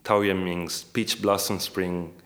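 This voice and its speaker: Low-pitched, careful academic man. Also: flat delivery, slow pace, fairly bright tone. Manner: hesitant, careful academic phrasing with frequent rewording. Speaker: academic researcher, interviewee. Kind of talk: scholarly interview discussion.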